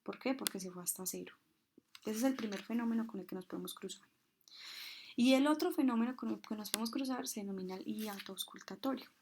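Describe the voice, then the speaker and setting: A woman's voice: medium pitch, quick pace, noisy background. A woman instructor explaining a medical procedure, mimicking heartbeat sounds and answering her own questions. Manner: asks questions and answers them herself.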